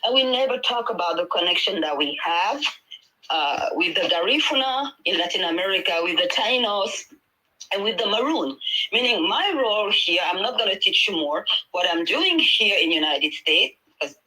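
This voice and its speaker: Speaking on a panel by video call, this midwife and healer from Senegal, a native Wolof speaker with a Senegalese accent, rambles earnestly through fillers and restarts. Her medium-pitched voice is lively, pushed and bright, at a normal speed, and the recording is rough.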